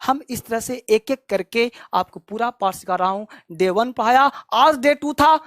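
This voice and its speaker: A man teaching spoken English online, drilling phrases by repetition in a loud, emphatic way and ending with a fiery motivational pep talk. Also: very high voice, lively intonation, moderate pace, dry recording, clean studio sound.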